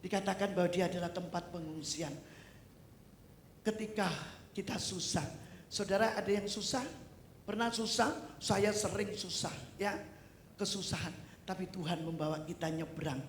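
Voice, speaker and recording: A middle-aged woman from East Java, a pastor preaching a sermon in an animated way, with loud exclamations and humorous asides. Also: lowish voice, moderate pace. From East Java, Indonesia. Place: church service hall. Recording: echoey hall with faint noise.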